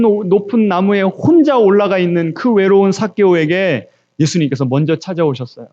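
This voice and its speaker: A man's voice: high voice, a little mellow, muffled recording. A male pastor preaching, telling stories and acting out quoted voices while questioning the congregation. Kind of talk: sermon.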